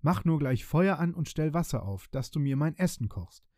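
Gruff scolding beggar husband, dark voice, a man playing him. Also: a little high, lively intonation, normal speed, no echo, clean studio sound, natural voice. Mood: stern. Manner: firm, scolding. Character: stern beggar-minstrel husband, a king in disguise.

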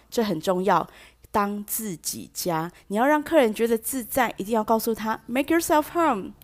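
A woman hosting a bilingual English lesson who explains patiently and drops English phrases into her talk. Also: medium pitch. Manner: acts out example sentences with shifting stress. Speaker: language teacher host.

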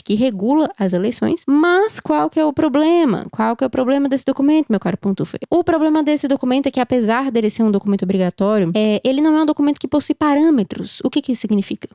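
A Brazilian woman explains things casually on a podcast in a dark, mellow voice with a choked, duck-like sound. She is chatty and playful, often posing questions and answering them herself. The recording is very dry and close. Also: fairly high pitch, no echo. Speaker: podcast host.

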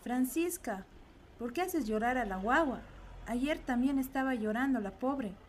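An actress playing a concerned neighbor who scolds matter-of-factly. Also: female voice, high-pitched, animated, unhurried, slight background noise. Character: nosy, concerned neighbor woman.

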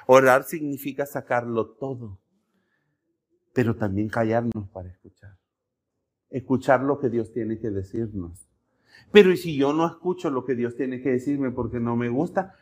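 A male pastor preaching a sermon in a conversational way, often checking in with the congregation and telling lively stories. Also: mid-range voice. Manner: conversational, keeps asking the congregation "¿verdad?"; animated storytelling with acted-out voices and jokes.

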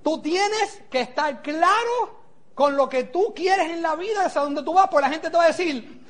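A man giving an animated motivational talk to a live audience, often tossing in a rhetorical "eh?" and acting out quotes. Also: very high-pitched, moderate pace. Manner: animated, rhetorical, keeps asking "¿eh?", acts out quotes. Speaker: motivational speaker.

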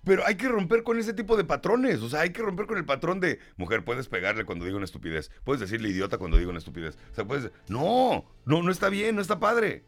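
A man's voice: a little high, big pitch swings, fast, hardly any pauses. A middle-aged man with a Mexican Spanish accent co-hosting a talk show, reading listener comments aloud and answering them emphatically. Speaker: radio show host.

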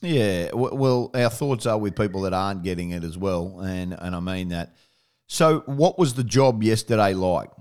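Male rural radio host, Australian accent, lowish smooth voice, informal interviewing style. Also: normal speed, darkish tone.

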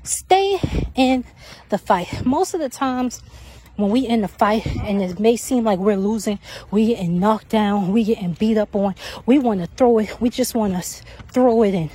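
A woman's voice: mid-range voice, moderate pace, mellow, husky. A woman podcast host, out of breath from walking outdoors on a track, giving casual, repetitive faith encouragement. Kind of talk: faith-based encouragement talk.

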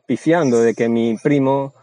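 A man's voice: mid-range voice, fairly even intonation, measured pace, mellow, no room sound, rough recording. A man giving a blunt, crude and boastful seminar talk as a Spanish voice-over, often restarting his phrases. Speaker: seminar speaker.

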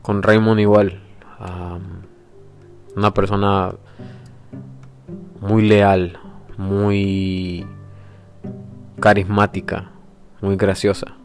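In a low-pitched, even voice, a twenty-something man from El Salvador gives a personal introduction as a podcast host. He's reflective and hesitant, often pausing and starting over, while soft guitar music plays behind him.

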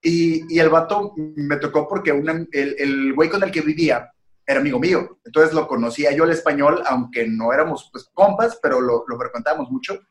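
A young northern Mexican man spins a rowdy anecdote on a podcast, slangy and profane. His voice sits slightly high, and the room adds a clear echo around it. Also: brisk. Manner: slangy, swears a lot, animated anecdote. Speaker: podcast co-host. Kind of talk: casual storytelling chat. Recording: echoey room.

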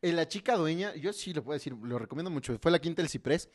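A young man with a fairly high voice chats on a comedy podcast. He tells his story loosely and keeps breaking into laughter. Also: animated, fast talker. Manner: chatty storytelling, laughs often. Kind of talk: casual comedy podcast chat.

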